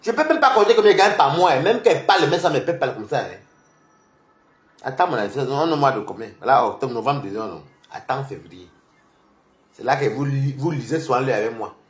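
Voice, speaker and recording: A man delivering a confrontational online rant, taunting and mocking his rivals, repeating himself and swinging between loud outbursts and low mutters. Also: animated, brisk. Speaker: social media commentator. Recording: echoey room.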